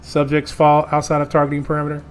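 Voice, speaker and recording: Man doing a flat robot voice for an alien machine. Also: on the high side, quick pace, close to an everyday voice. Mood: robotic. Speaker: gaming streamer. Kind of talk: reading game dialogue aloud.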